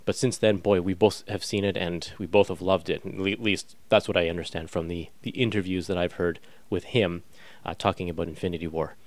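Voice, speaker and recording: A man's voice: sits low, fairly even intonation, brisk, no room sound. A man in his thirties hosting a podcast in a casual, chatty style, enthusiastic and informal. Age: 30s. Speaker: podcast host.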